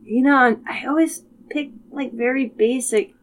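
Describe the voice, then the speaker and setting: A woman's voice: high voice, normal speed. Giggly rambling woman chatting. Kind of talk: casual brainstorming chat.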